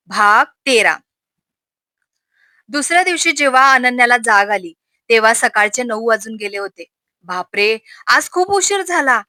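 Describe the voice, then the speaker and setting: A woman host narrating an audio story in a steady, expressive way. Her voice is bright and sharp and sits fairly high. The recording is dry and close. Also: no echo.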